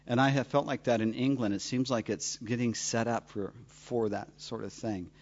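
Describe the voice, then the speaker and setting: A man pastor introducing the next speaker in a relaxed, rambling way. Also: medium pitch, normal speed. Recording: dull lo-fi sound.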